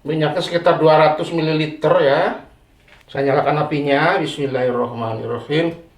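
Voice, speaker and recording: In his kitchen, a cooking channel host with an Indonesian accent and Sundanese terms runs a friendly, chatty home cooking tutorial, adding "ya" to his phrases. His voice is on the high side, fairly even, at normal speed, with reverb and frying and sizzling behind him.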